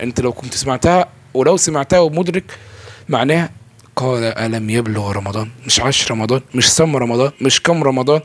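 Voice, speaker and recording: A young man with an Egyptian Arabic accent giving a casual religious talk to camera. He asks himself questions and answers them, and he often stalls on repeated fillers. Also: medium pitch. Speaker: religious speaker. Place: filming himself indoors.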